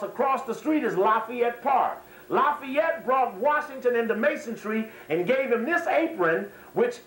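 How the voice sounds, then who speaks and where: A man gives an extemporaneous lecture to a live audience in a high, slightly bright voice. His delivery is emphatic, repetitive and digressive, and the recording has an echoey room sound with the microphone a little distant.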